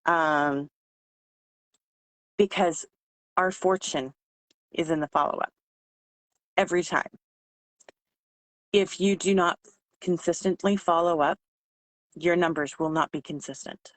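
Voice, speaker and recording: A woman whose voice is hoarse and giving out, talking informally as a trainer explaining sales tips. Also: lowish voice, slow, long pauses, no room sound, poor audio. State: losing her voice, hoarse. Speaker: sales trainer for direct-selling consultants.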